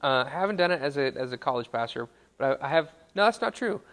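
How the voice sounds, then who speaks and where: A young adult man, a college pastor, giving a casual sermon to students, talking conversationally with quick self-corrections and asides. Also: medium pitch, expressive, a bit bright. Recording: long hall reverb.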